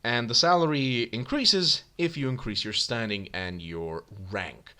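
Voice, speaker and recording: Animated man narrating gameplay. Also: mid-range voice, measured pace, clean tone. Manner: chatty, self-correcting, thinking aloud. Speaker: gaming YouTuber. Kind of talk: casual let's-play commentary.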